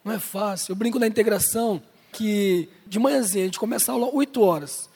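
High-voiced husky pastor in a reverberant hall. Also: male voice, quick pace, warm tone. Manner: playful, jokes with and addresses the congregation. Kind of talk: sermon. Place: church service.

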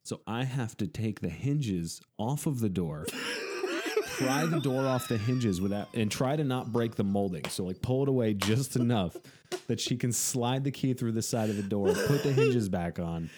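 A man's voice: medium pitch, expressive, moderate pace, darkish tone. A man telling a long casual story about his daughter, laughing and swearing along the way. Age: adult parent. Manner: tells stories with laughter, swears freely.

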